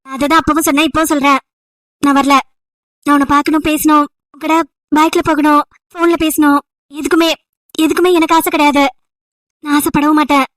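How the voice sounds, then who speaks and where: A woman voicing an irritated, sharp-tongued young female college student in an amateur audio drama, scolding with sarcastic rhetorical questions. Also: high voice, flat delivery, brisk, pauses often, dry recording. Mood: annoyed.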